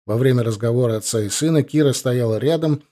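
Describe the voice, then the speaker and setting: A man narrates a story in an even, steady storytelling manner. His voice sits in a plain middle pitch range. It is a scripted reading, delivered evenly throughout. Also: fast. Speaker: audiobook narrator.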